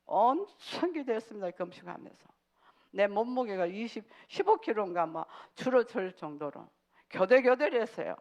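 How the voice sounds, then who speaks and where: A woman's voice: mid-range voice, big pitch swings, moderate pace, darkish tone, highs cut off. A woman giving a sermon testimony, telling her story with animation and acting out pleading prayers.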